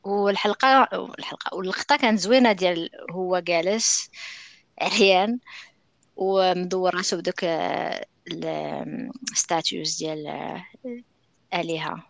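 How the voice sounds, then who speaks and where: A man with a Moroccan accent hosting a casual TV recap, speaking in halting phrases with pauses. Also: sits high, fairly even intonation, vocal fry, fairly bright tone, no room sound. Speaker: podcast host.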